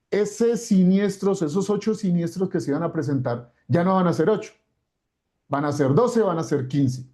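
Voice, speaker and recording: High-pitched, mellow-voiced man explaining didactically. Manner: didactic, repeats phrases for emphasis. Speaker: expert speaker. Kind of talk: explanatory lecture, unscripted.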